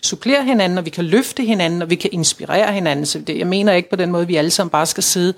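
A woman talking casually about spirituality, earnest and coaxing, repeating her points and acting out inner voices. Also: on the low side. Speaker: spiritual guide.

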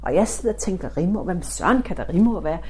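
A middle-aged woman from Denmark, a spiritualist medium, telling a story in an animated way and acting out the dialogue in different voices. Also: on the low side, slight background noise. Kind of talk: storytelling talk.

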